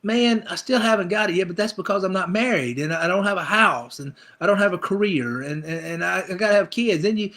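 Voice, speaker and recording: A man's voice: high voice, a little fast, hardly any pauses, fairly bright tone. A middle-aged male pastor preaching a conversational sermon, acting out people's inner thoughts with repeated phrases.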